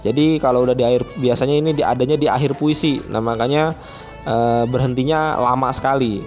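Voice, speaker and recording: A man's voice: medium pitch, steady tone, brisk, a little mellow, soft background music. A man who is a primary school teacher, giving a friendly, chatty online lesson to children and often starting phrases with a filler.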